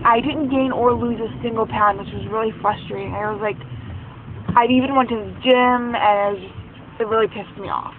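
A young woman chatting casually to her phone camera while driving, rambling with lots of ums and likes. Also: on the high side. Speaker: vlogger. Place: inside a car. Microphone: phone held at arm's length. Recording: tinny phone audio with loud road noise. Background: car and traffic noise.

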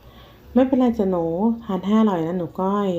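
A woman voicing a gentle apologetic stepfather. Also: high-pitched, normal speed, lightly acted. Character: kind soft-spoken middle-aged stepfather. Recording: slightly dull, faint music.

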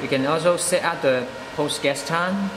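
A man explaining the settings of a welding machine in a measured, step-by-step voice-over, stressing key words. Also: on the high side, reverberant, long reverb tail, background noise. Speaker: product demonstrator. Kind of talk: product demonstration voice-over.

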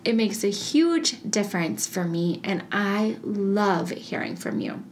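A woman's voice: medium pitch, sing-song, slow, a little hiss or hum. A woman hosting her own podcast in a bubbly, chatty way, laughing often as she talks to listeners. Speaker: podcast host. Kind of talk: casual solo podcast.

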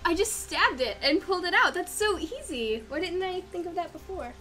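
A woman's voice: very high-pitched, lively intonation, normal speed, a bit bright. A woman chatting and giggling with friends while carving pumpkins, often laughing at herself. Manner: giggly, chatty, self-mocking.

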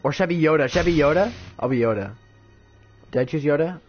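Excitable male gamer narrating his play, animated delivery, lo-fi mic, faint game music. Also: fairly high pitch, fast. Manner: excitable, exclaiming, giggly. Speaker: gamer streaming gameplay. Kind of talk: casual gameplay commentary.

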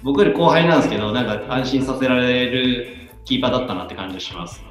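A man joining a casual chat remotely as a guest, speaking in a thoughtful, measured way. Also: mid-range voice, very echoey, soft background music.

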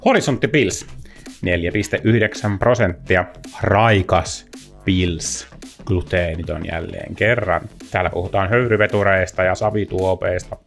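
A man's voice: low-pitched, vocal fry, faint music behind. A man giving a casual, chatty beer-tasting review, thinking aloud between sips.

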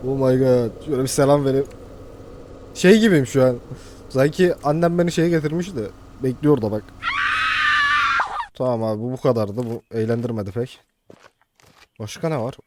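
A young man commentating casually on a video game he plays, excitable and joking with his viewers. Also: mid-range voice, a little hiss or hum. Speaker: gaming youtuber. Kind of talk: casual let's-play commentary.

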